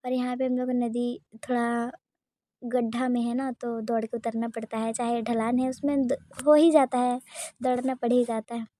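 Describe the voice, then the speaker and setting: High, flat-toned woman vlogger. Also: dry recording. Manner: simple, chatty storytelling with hesitant pauses. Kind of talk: casual vlog voice-over narration.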